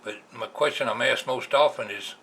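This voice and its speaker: At a normal speed, a mid-range American male voice, bright and forceful, delivers an easygoing, plain explanation in the manner of a hobbyist vlogger. He's at a computer indoors, and the camera's built-in mic makes for a noisy amateur recording.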